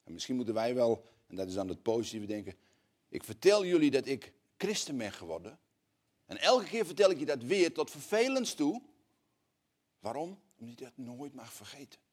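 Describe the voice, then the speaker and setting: A male preacher delivering a sermon in an ordinary mid-pitched voice. He drops to hushed, slow, earnest passages, then climbs into loud, rising appeals. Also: very animated.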